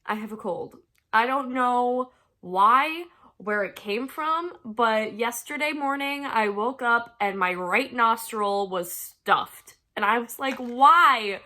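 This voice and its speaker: A young American crafting vlogger chats casually to camera from her bedroom, her voice a little high with a sharp tone. She's stuffed up from a cold and laughs often while talking about her crafts.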